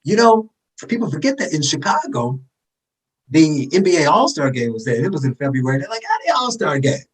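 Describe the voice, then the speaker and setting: A man talking as a podcast guest in animated political commentary, sarcastic and fond of mocking impressions. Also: on the high side, brisk, husky, far from the mic, rough recording. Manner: sarcastic, jumps into mocking voices for emphasis.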